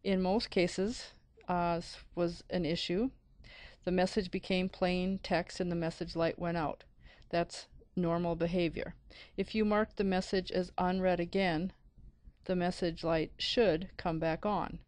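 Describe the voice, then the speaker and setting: A woman narrating a screencast software tutorial as an IT support instructor, explaining methodically step by step. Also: lowish voice, steady tone, measured pace, dry recording. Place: close, dry voice-over for a screen recording.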